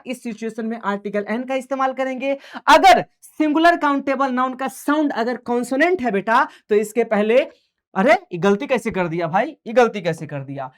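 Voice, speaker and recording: Chatty coaxing male grammar teacher. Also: very high-pitched. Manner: mixes English grammar terms into fast conversational explanation. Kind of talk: online exam-prep class lecture.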